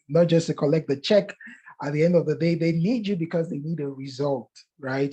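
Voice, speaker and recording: A man's voice: a little high, warm tone, husky. A man hosting an online webinar, talking earnestly with many fillers and restarts. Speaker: webinar host. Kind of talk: casual webinar talk.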